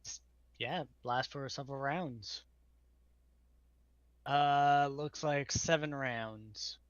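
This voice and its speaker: A man's voice: mid-range voice, drawn-out words, clear, resonant tone, no echo, dull audio. A man playing in a tabletop game, casually questioning and debating the rules. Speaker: player.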